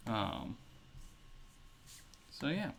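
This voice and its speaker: A man narrating a tabletop game as game master, explaining in an unhurried, filler-heavy way. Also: mid-range voice, big pitch swings, vocal fry, a bit bright, a little hiss or hum.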